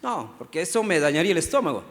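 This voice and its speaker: A high-voiced middle-aged man preaching to his congregation. He keeps throwing questions at the room and acting out little scenes. His voice rings with a long reverb in a church hall. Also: fast. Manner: animated, asks the congregation questions, acts out quotes. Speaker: pastor. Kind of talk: sermon.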